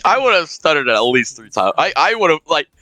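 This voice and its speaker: A man's voice: on the high side, very animated, fairly quick, sharp tone, soft background music, rough recording. A man doing color commentary on an esports match, with joking, chatty banter.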